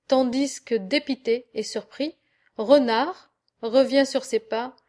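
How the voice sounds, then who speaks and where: A woman narrating a medieval fable as an audiobook, reading slowly and expressively. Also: a little high, darkish tone. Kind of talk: storybook narration.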